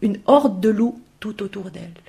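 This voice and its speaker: Brief: female oral storyteller, expressive fairy-tale telling, gravelly voice, questions to the listeners. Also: mid-range voice, moderate pace.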